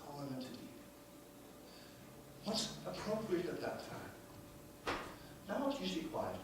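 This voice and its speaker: A man preaching a sermon in a church, moving from easy storytelling to loud, exclaiming praise with the odd laugh. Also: a little high, huge pitch swings, a little slow, very noisy. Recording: echoey church room, voice from far off.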